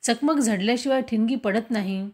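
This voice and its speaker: A woman's voice: on the high side, husky. Woman reading a story aloud. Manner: measured, expressive storytelling. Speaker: audiobook reader.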